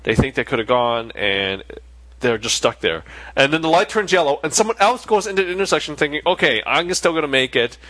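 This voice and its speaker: A man co-hosting a casual late-night podcast chat, rambling through stories with halting restarts. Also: fairly high pitch, lively intonation, sharp tone, no echo. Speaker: podcast co-host.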